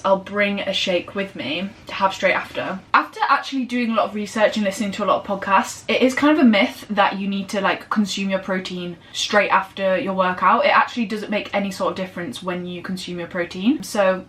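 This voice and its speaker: A young woman chatting casually in a vlog, rambling and bubbly, fast and breathless after a workout, filmed in her kitchen. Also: mid-range voice, fairly bright tone. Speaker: lifestyle vlogger. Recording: slightly distant camera audio with faint room noise.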